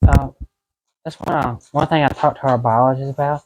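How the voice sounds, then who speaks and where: A man's voice: mid-range voice, fairly even intonation, brisk, darkish tone, poor audio. A man giving an informal, folksy guided tour inside a cave, in a conversational way.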